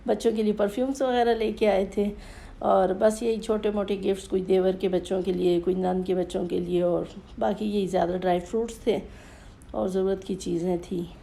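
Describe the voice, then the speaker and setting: Brief: woman in her 30s, homey vlogger, dark gravelly voice, easy chatty telling. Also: medium pitch, little pitch movement, normal speed. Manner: chatty, homely storytelling. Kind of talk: casual home vlog narration.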